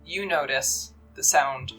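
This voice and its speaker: A man's voice: fairly high pitch, slow. A man improvising narration as the game master of a tabletop role-playing game. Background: soft music.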